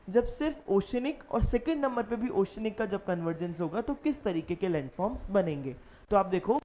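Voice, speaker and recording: A woman's voice: mid-range voice, mellow, slight background noise. A woman giving an online geography lecture as a teacher, walking through slides and asking questions she then answers herself. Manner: explanatory, asks questions then answers them.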